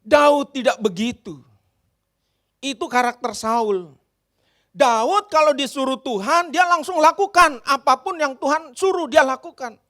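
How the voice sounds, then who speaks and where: A male pastor from Indonesia delivers a sermon with animated, dramatic swings. His voice is high and bright. He keeps turning to address the congregation directly. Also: unhurried.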